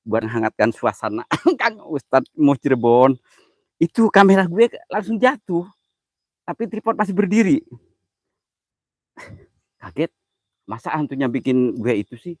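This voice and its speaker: A fairly high-voiced man hosts a ghost-hunting livestream outdoors at night. He jokes, startles easily and keeps greeting viewers by name, and his voice sounds dry and close. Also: big pitch swings, unhurried, long pauses, dry recording. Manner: joking, jumpy, calls out viewers by name. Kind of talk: casual live commentary.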